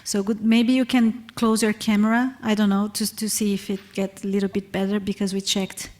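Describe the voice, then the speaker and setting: A woman's voice: medium pitch, flat delivery, normal speed, darkish tone. A woman moderating an online meeting, speaking hesitantly and repeating words as she raises an audio problem. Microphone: video call.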